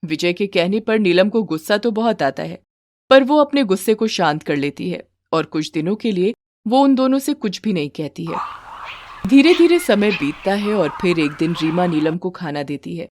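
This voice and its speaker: A woman narrating a moral story for a cartoon in a steady, plain storytelling manner. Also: on the low side, moderate pace, dry recording.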